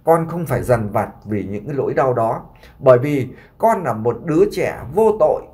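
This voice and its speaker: A man's voice: mid-range voice, lively intonation, normal speed, a little mellow, close to an everyday voice. A man voicing a grieving doctor father who imploringly consoles his sick son and takes the blame on himself.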